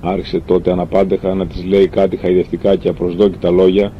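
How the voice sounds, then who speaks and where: This is a man's earnest, steady reading of a classic novel, with the odd slip along the way. Sound quality is dull and low-fidelity, with a faint low rumble.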